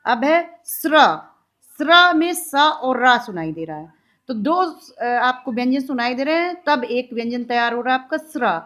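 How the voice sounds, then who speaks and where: A woman's voice: high-pitched, lively intonation, a little slow, a bit bright. A woman with an Indian accent, a school teacher giving a recorded lesson to young pupils, patiently repeating and sounding out examples and answering her own questions.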